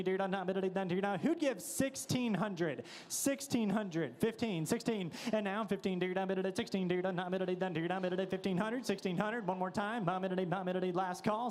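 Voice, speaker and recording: A man's voice: high voice, a little mellow. A man working as an auctioneer, calling bids in a rattling, repetitive chant full of filler words. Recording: echoey hall with long reverb.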